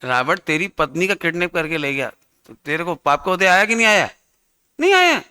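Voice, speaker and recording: Man, preacher, very bright ringing tone, smooth clear voice, animated, quizzes listeners. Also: fairly high pitch, a little fast. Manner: animated, quizzes the audience, acts out scenes. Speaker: Jain religious teacher. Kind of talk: interactive sermon.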